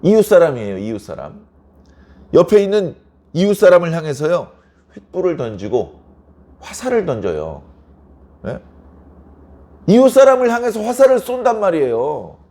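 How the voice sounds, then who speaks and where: A male pastor delivering an early-morning sermon in a warm, mellow voice whose pitch swings widely. He keeps it conversational and throws rhetorical questions at the pews. He slips into short, lively acted-out quarrels to make his point. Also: normal speed, long pauses.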